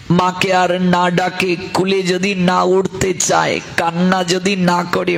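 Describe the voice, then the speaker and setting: High-voiced man preaching slowly. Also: a bit bright, a little hiss or hum. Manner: acts out quoted voices of guru, child and mother; chants the divine name slowly and drawn out. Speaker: kirtan singer and Gita lecturer. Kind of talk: devotional sermon with sung passages.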